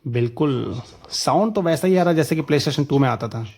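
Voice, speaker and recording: A man casually talking viewers through a gaming setup tutorial, chatty and excited, calling them friends. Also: fairly high pitch, moderate pace, a little hiss or hum. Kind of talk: casual screen-recorded tutorial commentary.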